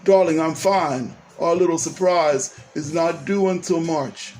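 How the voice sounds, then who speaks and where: A man reading aloud and voicing a gentle, cautious young woman in love, speaking softly. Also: a little high, unhurried, faint music behind, natural voice. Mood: tender. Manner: soft, gentle delivery.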